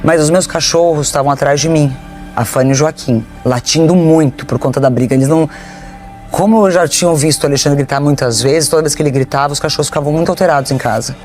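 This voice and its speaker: A woman giving an emotional first-person account in an interview, halting and restarting her sentences as she recounts events. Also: low-pitched, a little mellow, soft background music.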